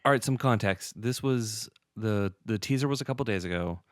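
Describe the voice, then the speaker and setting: A man co-hosting a music gear podcast in casual chat, relaxed and rambling, often laughing. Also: lowish voice, normal speed. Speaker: podcast co-host.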